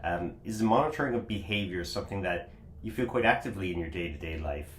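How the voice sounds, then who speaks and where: A man interviewing an artist, asking long, measured questions with frequent hesitations. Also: low voice, expressive. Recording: roomy with faint background noise.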